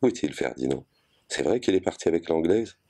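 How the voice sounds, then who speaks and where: A volatile, bitter wife who rants on and on without taking a breath, in a very deep and dark voice, as a male reader voices her in a storybook. She swings between tears and spite, words tumbling out in long runs. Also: expressive, husky, full character voice. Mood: distraught. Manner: voluble, ranting without pause.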